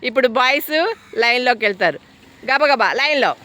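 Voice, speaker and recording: Brisk high-voiced teacher woman. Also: lively intonation, noisy background. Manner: brisk and commanding, mixing in English phrases. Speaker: school teacher. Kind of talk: instructing pupils in a guessing game.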